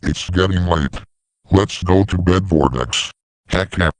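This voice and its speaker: A man voicing scripted dialogue for an animated story about talking machines. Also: sits low, slow pace, no room sound. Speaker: voice of talking siren characters.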